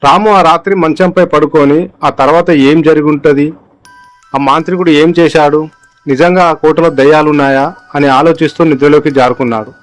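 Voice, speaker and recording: A man's voice: a little high, fairly even intonation, normal speed, soft background music. A man reading a scripted horror story aloud as narrator, voicing the characters' lines in his own voice.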